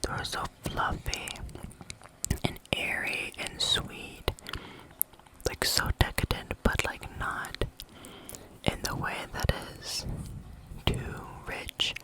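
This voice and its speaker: An ASMR vlogger chatting in a soft unvoiced whisper, rambling with many fillers and eating between remarks. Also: slow pace, pauses often, rough recording. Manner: chewing and eating sounds between talk.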